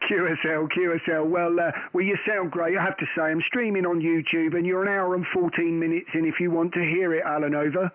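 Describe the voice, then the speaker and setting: Higher-pitched man, thin radio sound. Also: level tone, a little fast, hardly any pauses, narrow, tinny audio. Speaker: host of a live amateur radio stream. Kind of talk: casual radio chat and call-sign exchanges. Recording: thin band-limited radio-like sound, dry.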